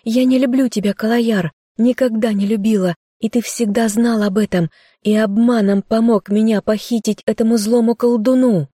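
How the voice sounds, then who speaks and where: A woman's voice: fairly high pitch, steady tone, moderate pace, slightly rough, no room sound, clean studio sound, pitched above the performer's own voice. A woman voicing a fiery young captive maiden who defies her captor with raised, angry words. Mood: defiant. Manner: defiant, shouting.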